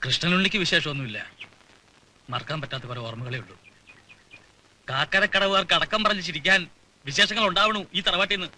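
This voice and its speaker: A man with a high-pitched, brisk, sharp voice that pauses often plays Unnimaman, a grieving uncle in a film with a background score. He speaks tenderly to his niece but grows earnest and reproachful with family elders, rising to indignation.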